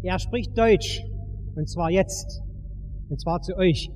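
A man's voice: high voice, slow, darkish tone, faint music behind. A man leading a church service introduces a guest and tells an anecdote to the congregation in an informal, storytelling way. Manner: storytelling, informal, addressing the crowd directly. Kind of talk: announcing to a congregation.

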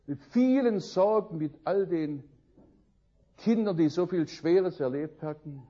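An older man preaching a sermon, telling stories with lively swings between loud outbursts and quiet musing. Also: on the high side, unhurried, highs cut off.

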